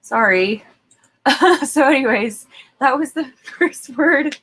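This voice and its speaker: Sniffling and congested from allergies, a livestream host talks into her phone in an indoor studio, keeping things chatty, laughing a lot and saying sorry for technical problems. Her high voice is animated and fairly bright, and her pace is slow.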